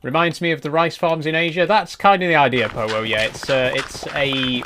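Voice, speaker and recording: A man in his twenties streams a building game, chatting casually in a relaxed, rambling way and responding to viewers' chat messages as he plays. His voice is a little high and brisk, and there's noise in the background.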